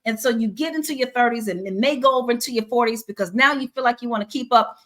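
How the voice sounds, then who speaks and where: A middle-aged woman leads a personal finance webinar, her voice sitting a little high. She speaks with an encouraging, preacher-like rhythm and leans on repetition to drive points home. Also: quick pace, fairly bright tone. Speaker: financial educator. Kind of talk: webinar teaching with Q&A.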